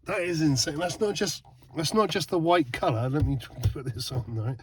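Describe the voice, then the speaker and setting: Outside at night, a man tests his van's lights while chatting casually for a vlog. His voice is on the high side and brisk, and he's excitable, exclaiming, laughing and repeating words as he goes.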